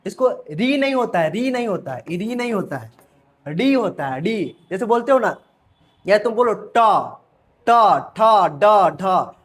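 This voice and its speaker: A man teaching a grammar lesson, repeatedly asking questions and answering them himself, sounding out letters aloud as examples. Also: high voice. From India. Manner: repetitive call-and-answer questioning. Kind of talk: classroom lesson.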